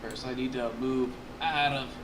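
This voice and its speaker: A man's voice: mid-range voice, fairly even intonation, normal speed. A man casually announcing his moves as a player in a tabletop game. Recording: distant mic in noisy room.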